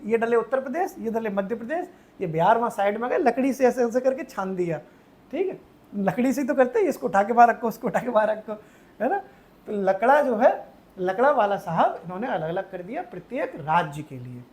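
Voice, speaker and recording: Animated and a little fast, this very high-pitched man delivers an online lecture for exam prep through playful storytelling and mnemonics. He repeatedly asks whether the class is keeping up, alternating between loud stresses and soft asides.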